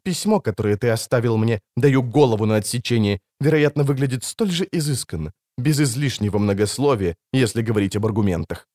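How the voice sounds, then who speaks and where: A man voicing a proud, scorned sorceress in an audiobook reading, with biting sarcasm that softens into pleading. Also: medium pitch, expressive, a little fast, few pauses, dry recording, clean studio sound, natural voice. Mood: cold sarcastic.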